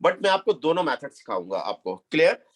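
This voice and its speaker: A man, teaching a math lesson step by step, mixing in English terms and checking "clear?" with his students. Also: on the high side, sing-song, fairly quick. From Pakistan. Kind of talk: classroom lecture.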